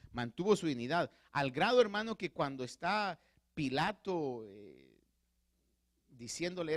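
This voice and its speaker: A man, a pastor preaching a sermon in church, rising to loud emphatic peaks. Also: on the high side.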